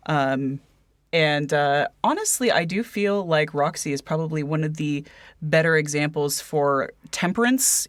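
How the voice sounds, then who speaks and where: A woman's voice: sits low, no echo. A woman co-hosting a casual book podcast, talking hesitantly with lots of fillers and restarts. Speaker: podcast co-host.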